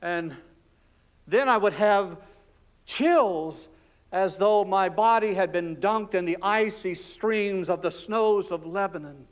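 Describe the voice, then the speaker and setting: A pastor acting out Barabbas, a frightened freed male prisoner, in an emotional, hushed and halting dramatic monologue in a church. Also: high-pitched, muffled recording. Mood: fearful. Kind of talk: dramatic first-person monologue. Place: church sanctuary.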